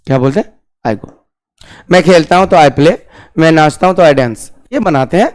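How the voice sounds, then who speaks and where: Male teacher; smooth, resonant voice, asks and answers his own questions. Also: on the high side, expressive, normal speed, a little mellow. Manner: repeats key words, asks questions then answers them. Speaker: English grammar teacher. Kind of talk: classroom grammar lesson.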